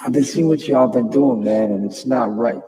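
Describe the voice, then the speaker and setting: Man, pitched-up clip voice, scolding rant, long reverb tail. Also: normal speed, dark tone. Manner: indignant, scolding. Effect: pitched-up voice from a played clip. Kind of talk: ranting video monologue.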